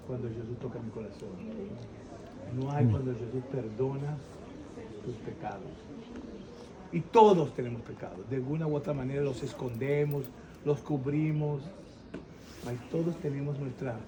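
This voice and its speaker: Venezuelan man, 60s, animated storyteller on an outdoor interview with a noisy background, slightly high voice. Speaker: interviewee giving his faith testimony. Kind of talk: animated personal testimony.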